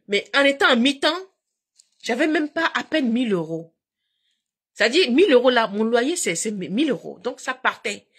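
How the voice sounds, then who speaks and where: A woman chatting casually to her live viewers, telling stories in an animated, repetitive way and addressing them directly. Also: fairly high pitch, husky.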